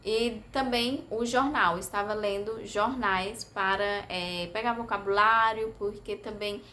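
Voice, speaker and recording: A woman's voice: medium pitch, fairly even intonation, measured pace, bright, forceful tone, a little hiss or hum. A Brazilian woman talking casually to her viewers, chatty and hesitant, often tagging on little questions and filler sounds. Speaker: vlogger sharing language-study experience. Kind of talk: casual talk to camera.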